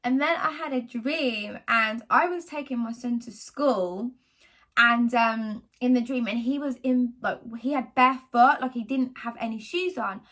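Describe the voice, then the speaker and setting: A woman, talking casually to camera about her faith in a rambling, animated way. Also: on the high side, measured pace. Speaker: vlogger sharing faith testimony.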